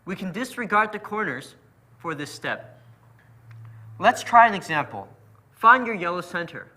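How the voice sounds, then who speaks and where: Pushed and bright, this man's high-pitched voice carries a step-by-step tutorial on a puzzle method. He takes the role of instructor and narrates with patience and method.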